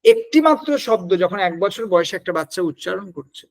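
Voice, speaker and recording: A man's voice: sits high, sing-song, a little fast, vocal fry. A male teacher giving an exam-prep lecture, explaining step by step, dropping in English terms and checking that his students follow.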